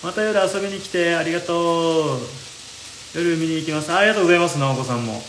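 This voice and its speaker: Young male stream host, chatty, reads comments aloud; echoey kitchen, pan frying loudly. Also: fairly high pitch, fast, a little hiss or hum. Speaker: live-stream radio host. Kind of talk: casual chat while cooking. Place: home kitchen, indoors. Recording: roomy kitchen with loud frying sizzle.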